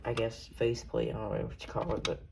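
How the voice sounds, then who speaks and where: In a noisy room punctuated by clicks, a man shows off his radio collection in a loose, hands-on way. His mid-range voice carries vocal fry and barely moves in pitch, and his talk is halting, rambling, and full of self-corrections.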